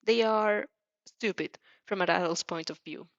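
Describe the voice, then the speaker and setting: In a dull recording without echo, an adult fan fiction reader and dubber reads expressively at an unhurried pace. Her medium-pitched voice is creaky and a bit bright, and she trips over words, starts again, giggles, and reacts casually along the way.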